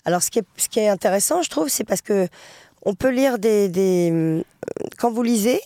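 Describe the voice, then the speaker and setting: Woman, French Traveller accent, guest interview, lively, restarts often, dry sound. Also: medium pitch, moderate pace, no room sound. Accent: French Traveller community accent. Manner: lively, chatty, many fillers and restarts. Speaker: singer and author guest. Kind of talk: casual interview talk.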